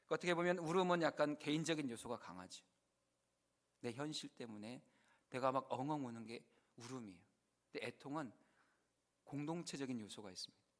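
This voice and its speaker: A male pastor preaching a sermon, earnest, rising to loud emphasis and dropping to hushed, quoted prayers. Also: medium pitch, fairly quick, long pauses.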